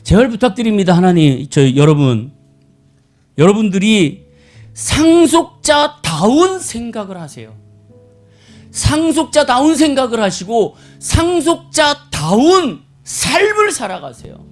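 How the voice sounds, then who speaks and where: A man's voice: extremely high pitch, measured pace, faint music behind. A middle-aged male pastor preaching a live Sunday sermon in a conversational style, often putting questions to the congregation. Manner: animated, conversational, asks the congregation rhetorical questions. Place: church worship service.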